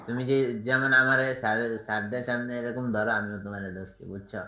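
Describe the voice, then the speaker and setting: A man, a student in an online class, who argues his point fast and keeps saying sir. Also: mid-range voice, fairly even intonation, bright, forceful tone. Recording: echoey room.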